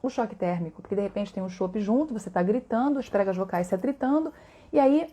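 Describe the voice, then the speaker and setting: A chatty middle-aged Brazilian woman hosts a live stream as a voice therapist. Her voice is mellow and dark, at a middle pitch. She talks warmly and loosely, tossing in tag questions as she answers viewers. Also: lively intonation, quick pace, lo-fi sound. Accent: Brazilian Portuguese.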